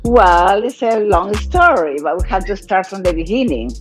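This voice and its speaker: An older woman from Argentina with a Spanish accent, telling her life story as a guest in a casual interview, in halting non-native English. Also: mid-range voice, animated, music in the background, poor audio. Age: 60s or older.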